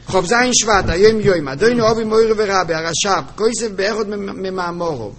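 A man telling a story to a group at a gathering, halting and often repeating and restarting his words. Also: sits high, fairly bright tone, a little hiss or hum. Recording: crowd chatter behind voice.

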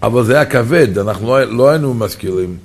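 A man's voice: mid-range voice, expressive, vocal fry, slight background noise. A man telling a personal story in an earnest, emotive way.

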